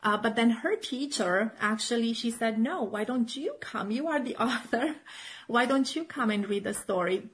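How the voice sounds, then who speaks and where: In a rough recording, a woman with a slightly high voice speaks at a moderate pace in a casual interview chat. She is a middle-aged children's author and teacher from Romania, chatty and laughing often, her speech filled with fillers and restarts.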